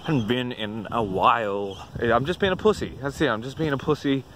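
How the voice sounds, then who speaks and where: A man's voice: mid-range voice, brisk, fairly bright tone, a little hiss or hum. Crude, self-mocking man vlogging. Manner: profane, self-deprecating. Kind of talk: casual self-filmed vlog.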